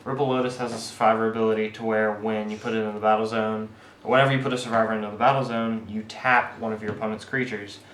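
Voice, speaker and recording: A man casually walking through his card game deck, explaining his picks in a halting way full of fillers and restarts. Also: fairly low pitch, flat delivery, fairly bright tone. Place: indoor room with friends nearby. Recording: echoey room with faint background hiss.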